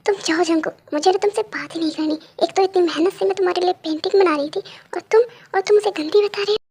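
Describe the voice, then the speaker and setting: Brief: woman as a pouting young woman, very high, soft tone. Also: fast. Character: playful young woman painter, touchy.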